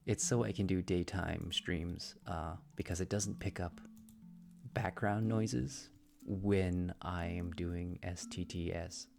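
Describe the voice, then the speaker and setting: A man with a low voice speaks slowly and in a steady tone while casually livestreaming from his room in a shared house. He rambles, often restarting and using fillers. The walls are thin and echoey, and clear music plays underneath the recording.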